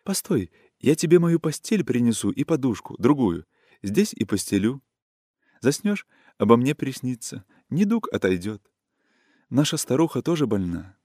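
A man reading a storybook voices a gentle, wistful young woman who speaks in soft, caressing, sing-song folk speech. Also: medium pitch, very animated, moderate pace, dry recording, studio quality. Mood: tender.

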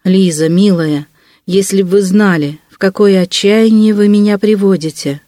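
A narrator voicing an agitated, gentle man who pleads earnestly as he soothes a girl in an audiobook. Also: medium pitch, normal speed, no room sound, studio quality, natural voice. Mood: pleading.

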